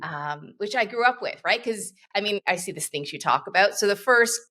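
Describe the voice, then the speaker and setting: A Canadian woman in her fifties, appearing as a guest coach in a casual interview, talks reflectively and rambles with many asides. Her mid-range voice is animated and sharp-toned at a moderate pace.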